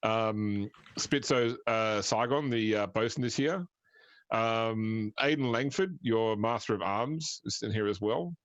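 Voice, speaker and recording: A man working as game master, improvising tabletop scene narration in a halting way, piecing descriptions together as he goes. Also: on the low side, no echo, muffled recording.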